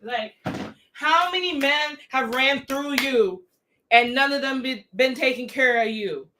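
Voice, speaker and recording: A woman's voice: high-pitched, sharp tone, a little hiss or hum. A young woman livestreaming a casual rant, blunt and profane, firing off exasperated rhetorical questions. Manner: rhetorical questions, drawn-out emphasis.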